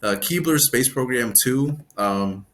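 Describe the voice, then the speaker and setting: A man's voice: medium pitch, lively intonation, a little slow, a bit bright. A man co-hosting a casual podcast chat about video games, rambling and trailing off mid-thought. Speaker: podcast co-host.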